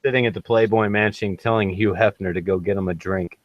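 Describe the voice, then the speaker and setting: A man with a lowish voice hosts a relaxed podcast chat, trading jokes and laughing easily. The recording is close and dry, with no room echo. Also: brisk, muffled recording. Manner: joking, laughs often. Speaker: podcast host. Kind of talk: casual chat.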